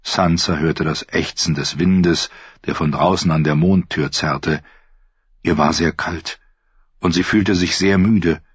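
A man reading a story aloud in a steady, even narration. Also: sits low, slow, breathy edge, dry recording. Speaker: audiobook narrator. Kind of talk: scripted narration. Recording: dull lo-fi dry recording.

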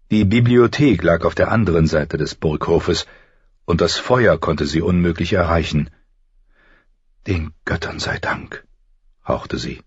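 A man narrating an audiobook in a measured, even storytelling manner. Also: low-pitched, slightly rough, no room sound, muffled recording.

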